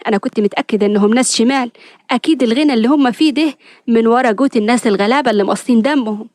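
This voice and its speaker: A woman voicing a spirited, sharp-tongued young woman who talks back fast and emotionally. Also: high-pitched, dry recording, studio quality, lightly acted. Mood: indignant. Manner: quick, emotional, teasing retorts.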